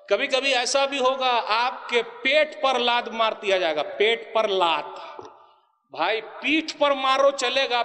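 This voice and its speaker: A man preaching a sermon to a live audience, animated, putting questions and challenges to his listeners. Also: high-pitched. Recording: long hall reverb.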